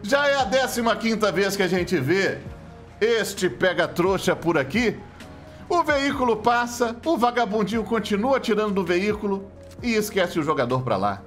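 A man's voice: high voice, moderate pace, soft background music. A man with a Brazilian Portuguese accent giving joking, mock sportscaster commentary over video game footage. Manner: joking, playful, animated play-by-play. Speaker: gameplay commentator.

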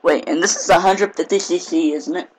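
A man's voice: fairly high pitch, steady tone, low-quality recording. Joking young man playing a kart game. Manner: joking, rambling, quick laughs. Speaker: gamer recording a video. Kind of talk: casual gameplay chat.

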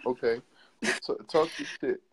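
A man's voice: medium pitch, a little slow, darkish tone, a little hiss or hum. A man hosting a casual video call chat, joking and teasing his callers with crude banter. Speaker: host.

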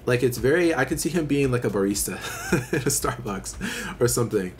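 A man's voice: mid-range voice, expressive, fairly quick, slight background noise. A middle-aged man casually chatting his reactions as a video host, enthusiastic and full of fillers like "like" and "uh". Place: small home studio with neon light.

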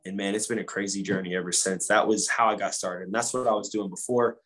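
A man's voice: low voice, steady tone, fast talker, fairly bright tone. A man in his twenties, a guest, telling his story in a casual interview with a laid-back, slangy manner. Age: 20s.

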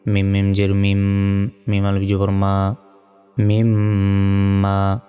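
A man teaching Quran reading, spelling out the Arabic letter by letter in a slow, deliberate drill between drawn-out chanted recitations. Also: deep voice, monotone, dark tone, clear, resonant tone. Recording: long hall reverb with faint music.

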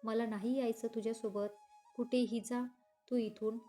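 A woman voicing a proud young woman in a read-aloud romance story, defiant and sharp-tongued. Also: a little high, little pitch movement, moderate pace, faint music behind, close to an everyday voice. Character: young woman, sulky, proud, angry at her ex.

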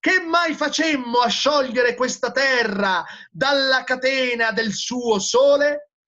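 A man's voice: very high-pitched, expressive, slow pace, pushed and bright, voice pushed up, full character voice. A male teacher reading aloud as a frantic madman who cries out in anguished declamation, on a dull lo-fi recording. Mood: anguished shouting. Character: frantic male madman crying out that God is dead.

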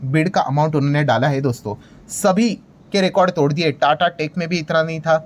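This market video host, an Indian man, talks casually over on-screen graphics, emphatic and full of hype, blending in English terms and returning again and again to check-in phrases. His voice runs on the high side and a little fast.

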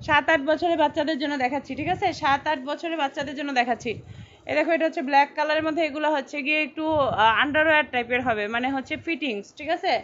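A woman with a high, very fast, fairly bright voice sells clothes on a live stream, chatting away, repeating sizes and reading out buyer names. The lo-fi stream sounds dull, with faint noise.

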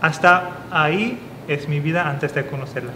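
A man's voice: on the high side, normal speed, echoey room, in a large hall, background noise. A young man from South Korea, a guest in a casual interview, talking thoughtfully and often restarting his sentences. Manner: thoughtful, with frequent restarts and fillers. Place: studio with dark curtain backdrop.

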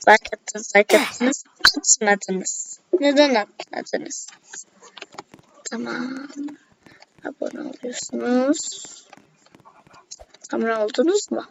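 A woman doing casual let's-play commentary as a gaming YouTuber, excitable, talking straight to her viewers and breaking into gasps and shrieks. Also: on the high side, gravelly. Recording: slightly dull lo-fi with faint hiss.

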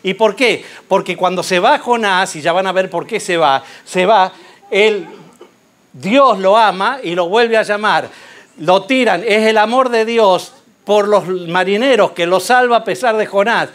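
A man with a high voice preaches a sermon at a measured pace, telling a Bible story through lively storytelling and rhetorical questions.

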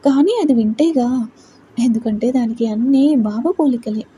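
A woman's voice: a little high, moderate pace, dark tone, slight background noise, natural voice, poor audio. A woman voicing an elderly grandmother who talks fondly and asks worried questions. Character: elderly grandmother, fond and fretful.

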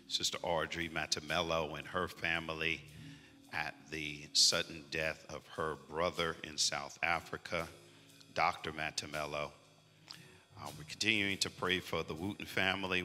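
A middle-aged male pastor calmly reading prayer requests to his church. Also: very deep voice. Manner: measured, pastoral, slow. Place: large church sanctuary. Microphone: handheld microphone. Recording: church hall reverb.

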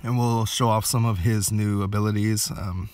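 A gaming video host voices over game footage indoors, giving a casual, explanatory walkthrough and thinking aloud as he plays. His fairly low voice is steady and a little mellow, at a moderate pace, with no echo and game music in the background.

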